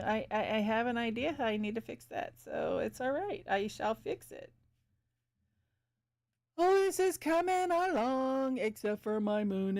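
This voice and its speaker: A fairly high-voiced woman chats with her viewers as she paints on a live stream. She thinks aloud about her work in an easygoing, giggly way. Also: darkish tone. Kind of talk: casual chat with viewers while painting.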